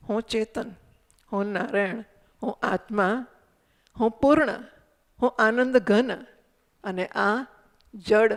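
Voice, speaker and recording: A woman giving a spiritual discourse, explaining patiently and putting questions to her listeners. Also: on the high side. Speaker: spiritual teacher. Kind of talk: Vedanta discourse. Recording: echoey hall recording.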